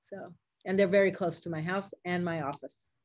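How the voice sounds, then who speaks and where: Here the interviewed doctor, an older Puerto Rican woman (or of Puerto Rican family) raised on Spanish and English, sounds lowish, steady and a little mellow at a moderate pace. The recording is muffled. She answers casually, offering children plain, encouraging words.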